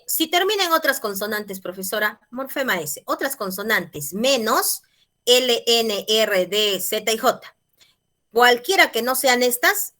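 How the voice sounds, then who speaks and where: A woman's voice: mid-range voice, bright, forceful tone. A woman teacher explaining a grammar lesson patiently, checking in with short questions.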